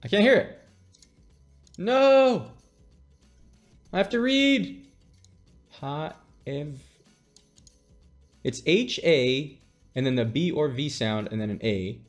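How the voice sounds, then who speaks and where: A man in his late twenties streams from a small room, talking straight into a desk mic. His voice runs a little high and swings widely in pitch. He thinks aloud, jokes and swears freely. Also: expressive, slow, pauses often, faint music behind. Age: late 20s. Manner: profane, joking, thinks aloud. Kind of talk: casual live-stream commentary.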